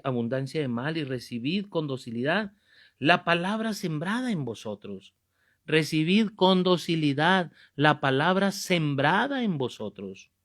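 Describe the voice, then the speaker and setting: A man in his fifties preaches through a Bible class with fervour, hammering home his points by repeating them. His voice sits a little high for a man. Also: fairly bright tone. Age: 50s. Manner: fervent, emphatic, repeats key phrases.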